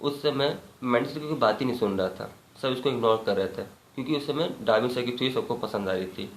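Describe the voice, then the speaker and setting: A man's voice: mid-range voice, quick pace. A man teaching a biology lesson, asking the class questions and then answering them himself. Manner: repeats key points as questions, frequent "ठीक है" check-ins. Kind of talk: classroom lecture. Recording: echoey room, faint background hum.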